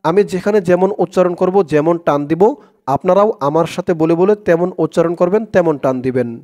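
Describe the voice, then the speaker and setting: A man with a Bangladeshi Bengali accent teaching the Quran word by word. He draws out slow recitation and gives quick spoken explanations in between. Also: sits high, warm tone.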